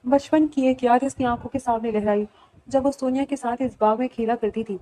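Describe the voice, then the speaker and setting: A woman narrating a romantic novel as an audiobook, in steady storytelling. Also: fairly high pitch, low-quality recording. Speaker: novel reader.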